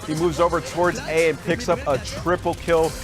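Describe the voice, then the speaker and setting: An energetic man calling play-by-play on a game broadcast, recounting each play with a storyteller's drive. His voice sits a little high, and a strong music bed plays under him. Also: a little fast. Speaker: esports caster. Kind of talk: play-by-play commentary.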